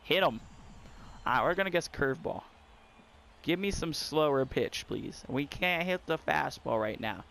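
A young man giving casual, excitable commentary while playing a baseball video game and talking to his viewers. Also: a little high, moderate pace, gravelly. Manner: excitable, talks to viewers and the screen. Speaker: gamer.

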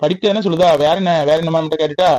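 A man's voice: fairly high pitch, fairly even intonation, very fast, darkish tone, no room sound, natural voice. A man voicing a protective young brother in a cartoon who firmly defends his sister. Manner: firm, defending.

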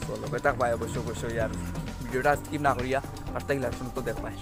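A young man vlogs casually to viewers as he moves along village roads, talking very fast in a mid-range voice with fairly even intonation and repeating his phrases a lot. His accent is Sylheti, from the Karimganj area of India. Music plays under the outdoor recording, captured on a phone at arm's length.

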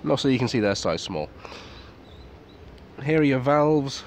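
At night in a garden, a man reviews a military surplus gas mask in a casual, unscripted way. His mid-range voice is expressive at normal speed, but his delivery is understated, with swearing and muttered asides. The outdoor recording is clearly noisy.

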